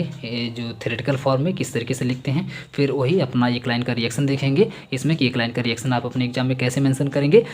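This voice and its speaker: A man's voice: medium pitch, a little hiss or hum. A man teaching chemistry in a chatty, repetitive way, mixing Hindi with English terms and hammering home exam points. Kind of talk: exam-focused classroom lecture.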